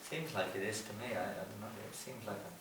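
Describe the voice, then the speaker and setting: A man's voice: fairly low pitch, fast talker. An Englishman giving a talk to an audience through a translator, chatty and joking with the crowd. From England. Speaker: visiting speaker. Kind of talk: lecture with consecutive translation. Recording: echoey hall, voice from far off, noisy.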